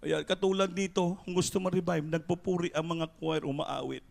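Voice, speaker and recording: A man preaching an impassioned sermon with a Filipino accent, mixing in English phrases and moving from quiet explanation to shouted exhortation. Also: high-pitched, steady tone, brisk, creaky. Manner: mixes Tagalog and English.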